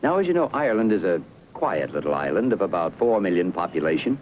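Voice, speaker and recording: A man in a documentary interview, recalling making a film in a slow, measured way. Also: low voice, big pitch swings, a little mellow, slight background noise, rough recording. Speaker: filmmaker interviewee.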